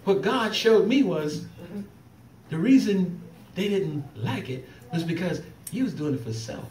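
A man with a strikingly high voice preaches a heartfelt testimony sermon, unhurried, his emotion rising and his laughter breaking through. The sound is distant and roomy, carried through a church sanctuary, with faint hiss underneath. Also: lively intonation, a little mellow. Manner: emotional, fervent, laughs while telling stories. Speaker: preacher giving a trial sermon. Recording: echoey church recorded from a distance. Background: congregation calling back responses.

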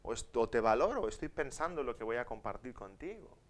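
Man preaching with swings in loudness. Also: mid-range voice, big pitch swings, a little fast. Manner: conversational, with tag questions to the audience; swings between soft asides and loud emphatic points. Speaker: pastor. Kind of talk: conference Bible teaching.

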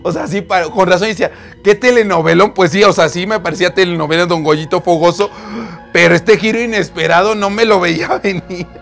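A man's voice: sits high, steady tone, fairly quick, gravelly, fairly bright tone, faint music behind. A man reading out chat messages and reacting with laughs, gasps and mock outrage. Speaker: host reading chat screenshots. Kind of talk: animated casual storytelling.

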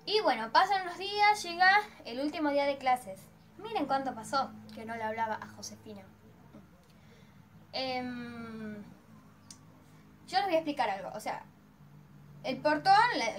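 A woman's voice: sits high, a little hiss or hum. A teenage girl with an Argentine accent telling a personal story in a chatty vlog, dramatically acting out her own reactions. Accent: Argentine Spanish. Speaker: vlogger.

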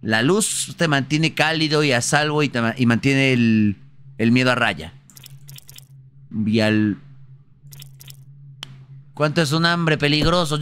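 A Mexican man doing casual live gameplay commentary, excitable and foul-mouthed, often bursting into shouts. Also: a little high, a little hiss or hum. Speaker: livestreamer playing a video game. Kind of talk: casual live gameplay commentary, translating on-screen text aloud.

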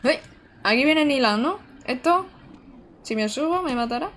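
Young woman, livestream game commentary, higher voice, faint background noise. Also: lively intonation, moderate pace, a bit bright. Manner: chatty, talks to chat while playing. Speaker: streamer. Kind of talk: live gameplay commentary.

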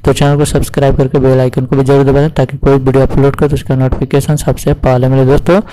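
A man's voice: medium pitch, flat delivery, fast, dark tone, a little hiss or hum, low-quality recording. A man hosting a channel, reading out market prices to farmers in a repetitive, formulaic way and calling listeners friends. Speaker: commodity price channel host.

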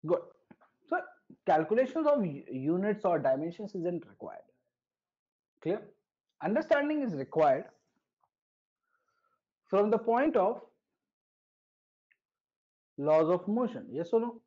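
A man's voice: high-pitched, very animated, slow, pauses often, warm tone. A man with a North Indian accent teaching physics in a live online lesson, often checking understanding with short tag questions. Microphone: online video call. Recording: dull, lo-fi online class audio.

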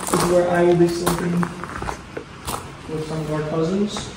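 A man's voice: high voice, level tone, normal speed, roomy sound, background noise. A young man joking around and giving a casual tour to a vlog camera. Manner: jokey, playful, tour-guide talk.

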